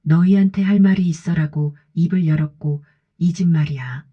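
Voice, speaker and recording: A woman's voice: low-pitched, steady tone, moderate pace, husky. A woman voicing a stern, defiant 68-year-old mother in an audiobook drama, speaking curtly and coldly. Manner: curt, cold and firm. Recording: slightly dull lo-fi audio.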